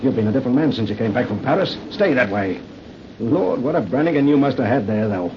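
In an old-time radio war drama, a man plays an animated army captain, gruff but fatherly and anxious for his comrades. His mid-range voice moves fast, brisk and concerned, with light acting. The vintage recording is muffled, with faint noise.

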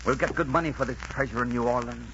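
In an old radio drama, an actor plays a bold pirate captain, giving firm orders and teasing his captives in a commanding, authoritative way. His voice is mid-range and quick, close to an everyday voice. The recording is hissy and muffled.

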